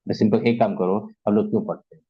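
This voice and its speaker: A man's voice: on the low side, fairly even intonation, quick pace, breathy edge, dull audio. A man teaching chemistry in mixed with terms, who keeps asking his students questions and answering them himself. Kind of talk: classroom lecture.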